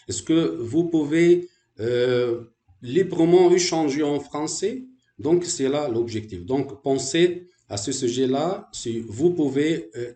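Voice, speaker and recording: A man's voice: medium pitch, dark tone, reverberant. A man from Egypt, a French language teacher, gives a hesitant talk to fellow teachers with many fillers and restarts.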